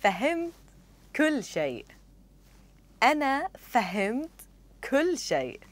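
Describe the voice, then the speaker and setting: A woman speaking set phrases for a language lesson, saying each one twice in a careful, deliberate way. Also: sits high, sing-song. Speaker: model speaker for phrase repetition. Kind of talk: scripted phrase drills.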